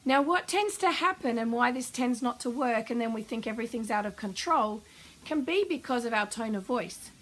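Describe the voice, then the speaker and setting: A woman parenting coach answering a viewer's question, explaining calmly and warmly. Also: on the high side, moderate pace, poor audio. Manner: calm, warm explanatory advice.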